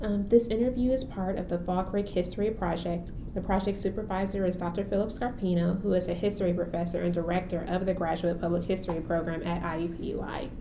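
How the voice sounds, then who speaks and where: In a roomy, echoing recording with faint noise, a woman reads a structured preamble to open a formal oral history interview, later giving brief acknowledgments as she asks questions. Her voice is lowish and fairly even, her pace quick with few pauses.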